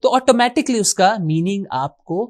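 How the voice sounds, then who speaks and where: A man teaching the meanings of words in a lesson. He asks questions and answers them himself, repeats key words slowly and drops in English words. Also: high-pitched, animated, a little mellow. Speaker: Quran vocabulary teacher. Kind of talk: explanatory lesson.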